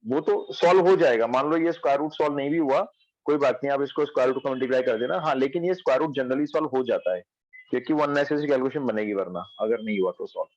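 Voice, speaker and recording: A man's voice: mid-range voice, fast, a little mellow, highs cut off. A man teaching a math class online from home, explaining step by step and checking that students follow.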